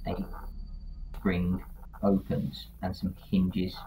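A man's voice: low voice, completely flat delivery, extremely slow, warm tone. A man narrating a tabletop game as game master, describing scenes steadily with fillers. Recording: tinny voice-chat audio, faint noise.

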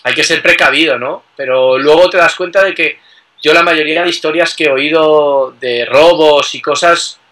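A man chatting casually as a guest about travel, relaxed, with many fillers and tag questions. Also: on the high side, moderate pace, rough recording. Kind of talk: casual conversation.

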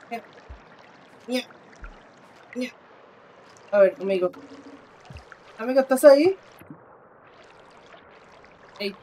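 A man giving casual live commentary while he plays, talking to the game character and to his viewers, swinging between exclamations and low muttering. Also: warm tone, a little hiss or hum. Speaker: streamer.

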